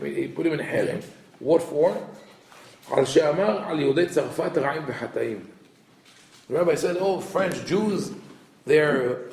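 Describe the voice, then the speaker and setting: A man's voice: fairly high pitch, gravelly, darkish tone, slight background noise. A man, a rabbi, giving an informal Torah lesson, talking conversationally with many restarts and quoting Hebrew texts before translating them. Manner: conversational, restarts often, reads Hebrew quotes quickly then translates. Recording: echoey room.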